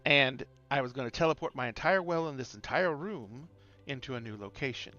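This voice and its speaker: A man playing an ancient, boastful, evil lich in a tabletop game, bargaining with deliberate, dramatic pauses. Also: mid-range voice, bright, forceful tone, lo-fi sound, natural voice. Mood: boastful, matter-of-fact.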